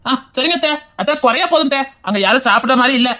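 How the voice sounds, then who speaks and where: Mild young man, Tirunelveli accent, soft and polite, high and bright, played by a woman. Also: lively intonation, quick pace. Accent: Tirunelveli Tamil. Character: gentle, apologetic young man.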